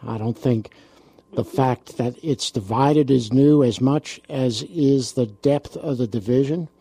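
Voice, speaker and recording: A man hosting a radio talk show, speaking in a relaxed way with frequent ums and uhs. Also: mid-range voice, unhurried, husky, no echo.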